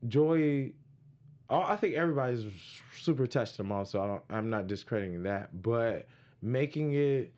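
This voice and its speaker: A man's voice: medium pitch, lively intonation, moderate pace, a little mellow. A man from Miami giving frank, rambling opinions in a casual recap chat, with many fillers. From Miami, Florida. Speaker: panelist. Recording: dull lo-fi audio.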